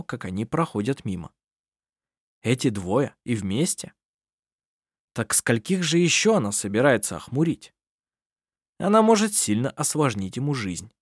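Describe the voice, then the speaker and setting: A man reading a novel aloud as audiobook narrator, in an expressive storytelling manner. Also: mid-range voice, a little slow, pauses often, breathy edge, no room sound, studio quality. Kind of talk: scripted narration.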